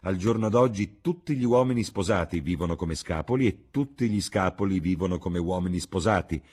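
A man's voice: low voice, a little fast, a little mellow, husky, pitched above the performer's own voice. A man voicing a chattering elderly aristocratic hostess, gushing and theatrical. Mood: gossipy.

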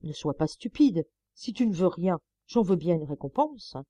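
A woman's voice: fairly low pitch, sing-song, normal speed, dark tone, dry recording. Woman voicing a greedy scheming monk. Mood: eager. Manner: pleading, grasping.

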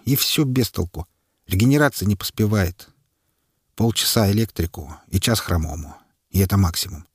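A man's voice: lowish voice, breathy edge, no room sound, clean studio sound. A man voicing a tired, stubborn male field healer. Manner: tired, insistent.

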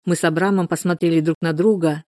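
A woman reads a novel aloud in first person, in an even, measured way. Her voice is low and mellow. The recording is close and dry. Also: no echo. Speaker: audiobook narrator.

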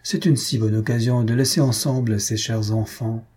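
A meddling old spinster aunt, voiced by a man reading an audiobook chatters away about everything and schemes to bring the young ones together. Her husky, dark voice is lifted well above his own. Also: medium pitch, steady tone, normal speed, natural voice. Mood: scheming. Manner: busybody, chattering, matchmaking.

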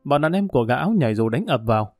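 A man's voice: mid-range voice, lively intonation, rapid-fire, dry recording, clean studio sound, soft background music. Man narrating a crime story.

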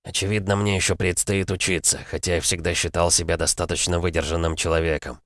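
A man voicing an impatient, irritable American man in an audiobook, gruff and grumbling. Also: deep voice, level tone, fast talker, a bit bright, no echo, studio quality. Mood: irritated.

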